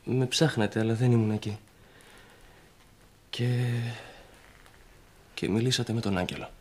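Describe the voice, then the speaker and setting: An actor playing a troubled man who questions a woman in a hesitant, halting way. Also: mid-range voice, steady tone, a little mellow, lightly acted. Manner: hesitant, halting, then pressing. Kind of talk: TV soap drama acting.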